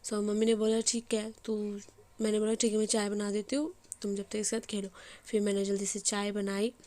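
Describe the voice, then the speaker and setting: A young woman with a hoarse voice, chatting casually as she narrates her day in a home vlog. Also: mid-range voice, flat delivery, a little fast, darkish tone. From Bengali family. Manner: chatty, rambling with fillers. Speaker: vlogger.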